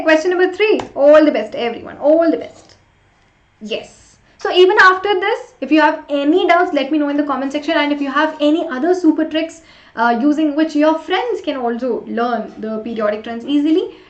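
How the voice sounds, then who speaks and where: A woman with a high-pitched voice and moderate pace runs an interactive live online class, chatting with students and nudging them on with short, repeated prompts. The recording has a roomy echo and sounds slightly dull.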